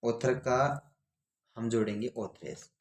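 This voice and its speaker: A man's voice: mid-range voice, steady tone, takes it slowly, darkish tone. A man teaching a grammar lesson, spelling words out letter by letter and asking his students questions.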